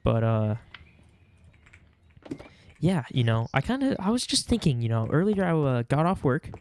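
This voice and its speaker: A young Minecraft vlogger with a stuffy nose chats casually while gaming, rambling and using lots of fillers. His mid-range voice is very animated and a little mellow, at normal speed, with slight background noise.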